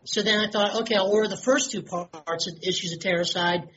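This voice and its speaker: A woman's voice: medium pitch, fairly even intonation, brisk, a bit bright, slight background noise. A woman chatting casually in a group conversation, rambling with lots of fillers. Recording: dull lo-fi recording.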